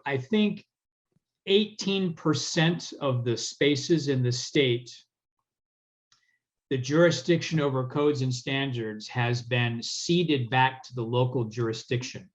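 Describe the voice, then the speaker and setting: A man, a legal counsel, giving a relaxed, friendly townhall presentation and answering questions on a video call. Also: medium pitch, unhurried, muffled recording.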